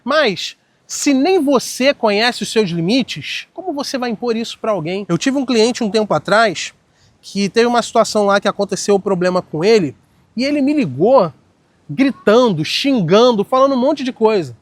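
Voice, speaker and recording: Firm high-voiced Brazilian man, blunt advice. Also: normal speed, no room sound. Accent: Brazilian Portuguese. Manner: firm, blunt, speaks in an even tone. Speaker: self-help video host. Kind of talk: direct motivational monologue with anecdotes.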